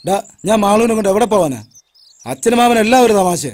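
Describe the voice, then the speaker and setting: A man's voice: high voice, a little mellow, lightly acted. An actor playing a troubled young man who speaks in a frustrated, agitated way. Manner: agitated, quick, complaining. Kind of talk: film dialogue.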